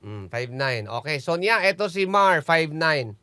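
Teasing bright-voiced radio host man. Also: on the high side, very animated, measured pace, smooth, no echo, studio quality. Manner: teasing, laughs often, quizzes callers. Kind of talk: playful call-in radio banter. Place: radio studio.

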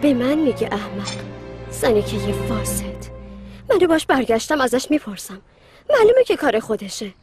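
An indignant, lively housemaid. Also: female voice, fairly high pitch, over music. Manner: gossipy, indignant.

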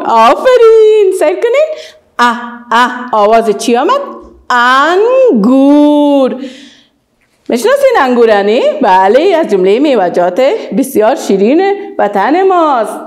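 Teaching the alphabet to little kids, a woman speaks with an Afghan Dari accent, drawing out the example words and offering frequent praise. Her voice is fairly high, sing-song, and darkish in tone.

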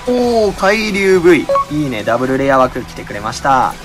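Man, Kansai accent, casual card-opening commentary, reads out each card, excited cries at good pulls, medium pitch, faint music behind. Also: fast talker. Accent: Kansai Japanese. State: voice slightly out of shape lately. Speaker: channel host.

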